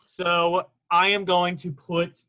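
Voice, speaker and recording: A young man with a fairly high, bright voice talks through his music opinions in a loose co-host chat. He rambles, restarts and keeps hedging with "in my opinion.". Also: monotone, slow pace, rough recording. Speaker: podcast co-host. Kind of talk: casual music review chat.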